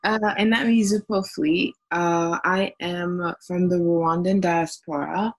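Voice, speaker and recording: A woman from Belgium speaking as a podcast guest in a casual interview, searching for words with frequent pauses. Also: lowish voice, fairly even intonation, poor audio. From Brussels, Belgium. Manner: searching for words, many fillers.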